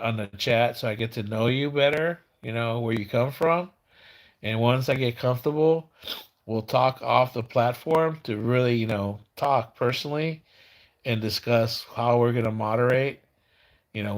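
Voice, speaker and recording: This man in his fifties hosts a live stream and chats casually, though his speech comes out slurred and mumbled, as if his tongue were half numb. He halts and repeats words, all in a mid-range voice.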